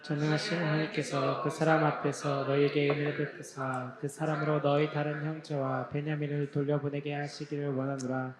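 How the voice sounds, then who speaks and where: A congregation led by a man reading scripture aloud together in flat unison. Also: on the high side, brisk, hardly any pauses, low-quality recording. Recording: crowd voices picked up from afar.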